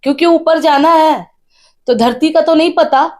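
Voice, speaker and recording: A woman with a high voice tells her story to an interviewer with deep, earnest feeling. She speaks like a guest on a local news interview. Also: moderate pace. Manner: earnest storytelling, tearful at times. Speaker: interviewee, wife of a candidate. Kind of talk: emotional personal account.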